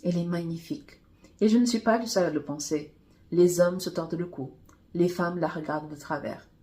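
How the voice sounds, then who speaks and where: A woman author reading her own romance novel aloud in steady first-person narration. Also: lowish voice, moderate pace.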